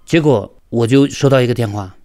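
A man from Yunnan, a local merchant, telling his own story in a lively, chatty way and acting out the dialogue. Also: mid-range voice, brisk. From Yunnan, China. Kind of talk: storytelling interview.

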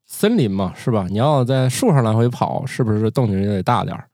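A man's voice: fairly low pitch, lively intonation, a little fast, a little mellow, no echo, clean studio sound. A man from Northeast China hosting a casual podcast chat, joking and laughing often. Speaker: podcast host.

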